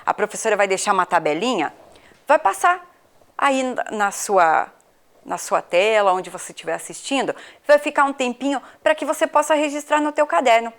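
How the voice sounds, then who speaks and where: A Brazilian primary school teacher gives a patient video lesson to children, asking them questions and spelling out letters. Her voice is on the high side and sing-song, at normal speed.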